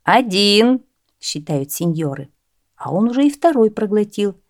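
A woman narrating a folk tale in a measured, expressive storybook reading. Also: mid-range voice, no echo, clean studio sound.

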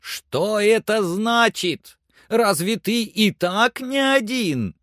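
Man voicing a frantic, high-strung gentleman. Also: expressive, slow, no echo, clean studio sound, full character voice. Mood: frantic, shouting. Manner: shouting, urgent and agitated. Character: excitable, frantic middle-aged man giving orders. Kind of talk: audiobook character voice.

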